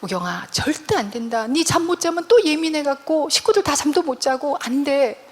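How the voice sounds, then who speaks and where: A woman voicing her stern, protective older father, speaking firmly and slowly in a reverberant church hall. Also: very high voice, lively intonation.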